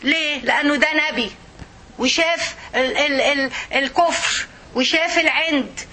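A woman's voice: high-pitched, moderate pace, pushed and bright. An older woman with an Egyptian Arabic accent giving a conversational, emphatic religious lesson and often checking in with her listeners. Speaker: religious teacher.

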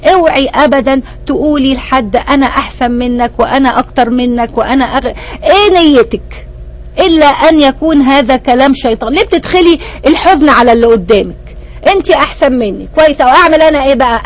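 An older woman with an Egyptian Arabic accent giving a religious lesson to women, emphatic and full of rhetorical questions aimed straight at her listeners. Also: high voice. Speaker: religious teacher.

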